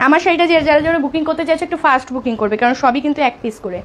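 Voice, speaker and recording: A woman selling sarees on a live stream, talking softly because of a sore throat and urging viewers to book fast. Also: high voice. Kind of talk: live sales pitch.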